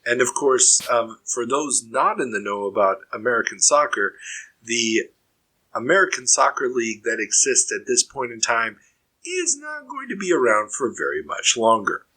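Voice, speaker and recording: Male podcast host, bright forward tone, reads headlines then riffs casually. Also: mid-range voice, very animated, normal speed, poor audio. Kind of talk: reading news items and chatting.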